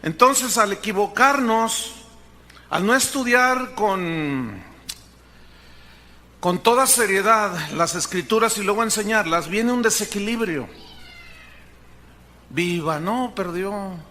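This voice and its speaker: A man's voice: high voice, expressive, takes it slowly, pauses often, bright, forceful tone, a little hiss or hum. Pastor guy preaching, punchy and emphatic, keeps asking the crowd questions. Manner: emphatic, rhetorical questions to the congregation. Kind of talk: sermon.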